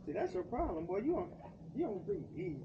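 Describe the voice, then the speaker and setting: A middle-aged man with a high voice talks in a loose, slangy way, lecturing his son with fatherly teasing. He is recorded outdoors on a driveway by a camera some distance off. The sound is dull, and steady noise runs behind him. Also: brisk. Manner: preachy, teasing fatherly talk in casual slang. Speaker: vlogger and father. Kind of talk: casual chat while washing a motorcycle. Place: outdoor driveway beside a house.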